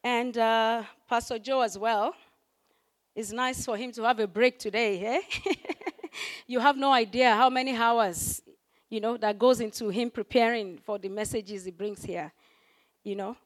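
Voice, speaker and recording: A guest preacher, her voice croaky as she recovers from losing it, delivers a sermon to a church congregation. She speaks conversationally at a measured pace, with a fairly high pitch and fairly even intonation, scattering "you know" and other fillers and growing more forceful on scripture and points of emphasis.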